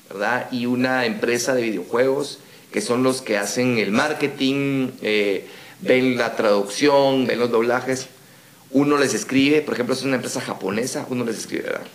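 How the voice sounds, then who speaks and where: A man's voice: medium pitch, normal speed. Guatemalan man telling a story in a roomy echo. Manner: animated storyteller who acts out quoted replies, tags lines with "¿verdad?". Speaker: guest, dubbing studio owner. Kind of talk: casual podcast conversation.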